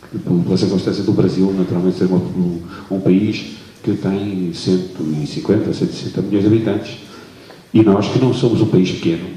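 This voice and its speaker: A man's voice: low voice, dark tone. A man with a European Portuguese accent, asking a long question from the audience at a public talk and hesitating often, heard without a microphone. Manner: hesitant, many fillers and restarts. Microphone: no microphone, far from the recording mic. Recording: very echoey hall recording with faint noise.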